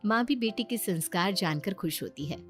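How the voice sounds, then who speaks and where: Expressive woman narrating a cartoon story. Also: medium pitch, moderate pace, faint music behind. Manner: expressive, animated.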